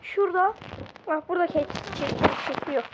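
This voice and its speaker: A woman giving casual gameplay commentary from a bedroom at home, excitable and quick to exclaim and grumble at opponents. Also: extremely high pitch, very noisy. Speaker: gaming video creator. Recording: slightly dull lo-fi recording.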